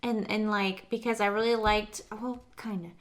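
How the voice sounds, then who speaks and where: A young woman co-hosting a casual movie review chat, relaxed and chiming in. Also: medium pitch, moderate pace. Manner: relaxed, chiming in, laughs easily. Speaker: co-host.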